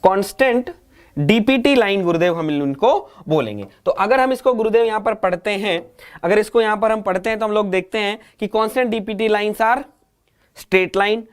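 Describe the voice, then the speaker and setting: A man's voice: high voice, moderate pace, smooth. Male teacher drilling with repeated questions. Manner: repeats questions and answers, calls students child. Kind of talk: exam coaching lecture.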